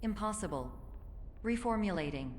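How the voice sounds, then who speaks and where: A woman voicing a malfunctioning computer therapy system in a video game, reading flat, clipped announcements in a glitching robotic manner. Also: mid-range voice, normal speed, slight background noise. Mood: clinical. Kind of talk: video game dialogue played during a playthrough.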